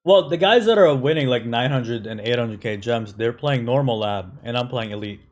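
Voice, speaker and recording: On a game live stream, a man raised in the United States chats casually and answers the chat, using lots of fillers and "right?" tags. His voice is medium in pitch at a moderate pace.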